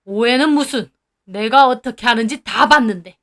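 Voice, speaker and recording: A woman's voice: fairly high pitch, fairly bright tone. A woman voicing a stern, angry grandfather. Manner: slow, stern and scolding. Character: proud, angry old grandfather who owns the building.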